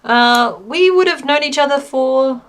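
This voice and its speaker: In a high voice at a measured pace, this woman streams her crochet, chatting casually and rambling with lots of fillers. She reads the chat out loud and counts stitches in a hushed voice.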